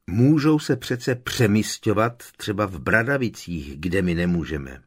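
A man's voice: low-pitched, animated, husky. A man doing a matter-of-fact young wizard. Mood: explaining. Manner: explaining the obvious.

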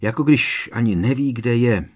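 A man's voice: medium pitch, husky, voice pushed up, close to an everyday voice. A man voicing an anxious teenage schoolboy who talks urgently and pleads in a raised voice in an audiobook. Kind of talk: audiobook character voice.

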